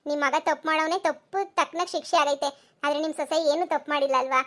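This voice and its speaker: Woman voicing a soothing young cartoon daughter-in-law, high fast delivery. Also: fairly even intonation, a bit bright. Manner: soothing, reassuring. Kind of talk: cartoon voice acting.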